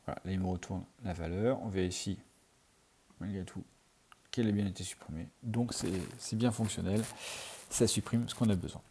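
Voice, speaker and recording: A man's voice: low voice, normal speed, mellow, a little hiss or hum. A man teaching programming in a screencast, talking through his code as he types, with many fillers. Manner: thinks aloud while typing, many fillers. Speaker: programming tutor. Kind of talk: screencast coding tutorial.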